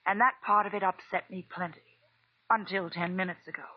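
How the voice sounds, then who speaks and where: A woman's voice: lowish voice, steady tone, fairly quick, lightly acted. An actress playing a snappy, hard-edged, defiant young gangster's girlfriend in a 1940s radio drama. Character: brassy, defiant woman, counterfeiter's jilted girlfriend. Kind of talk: 1940s radio noir acting. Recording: muffled old radio recording.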